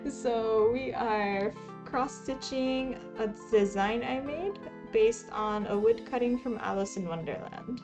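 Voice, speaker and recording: Female live-streamer, from Palestine, easygoing and chatty while crafting; leisurely delivery, mid-pitched voice. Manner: laid-back, chatty, frequent soft laughs, reads chat aloud. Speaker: cross-stitch streamer. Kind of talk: casual live-stream chat. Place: home, lives in Taiwan.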